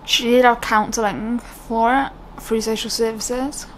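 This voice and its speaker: A woman's voice: fairly high pitch, little pitch movement, a little slow, a bit bright, a little hiss or hum, poor audio. A young British woman talking to camera in a casual, unscripted way, candid and rambling, often breaking off her own sentences. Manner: candid, rambling, self-interrupting. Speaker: vlogger.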